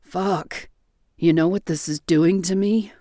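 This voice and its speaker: A stoic, possessive man, put on by a woman reading a romance audiobook speaks in a lowered, husky murmur. His lines come terse and insistent, firm about what he wants. The sound is dry and close. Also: fairly even intonation, slow, warm tone, no room sound. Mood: lustful. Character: stoic, possessive grown man, gruff with desire.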